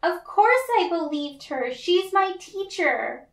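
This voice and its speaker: A woman's voice: extremely high pitch, animated, slow pace, voice pushed up, heavily acted. A woman voicing a hopeful, earnest, dreamy little girl in a children's storybook. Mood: upset. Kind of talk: children's storybook read-aloud. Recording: roomy, echoey, distant mic.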